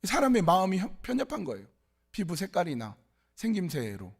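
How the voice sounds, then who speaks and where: A man's voice: sits high, huge pitch swings, fairly quick, gravelly, breathy edge. A man preaching a sermon at a youth service, telling stories in a conversational way and acting out the quotes. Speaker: pastor.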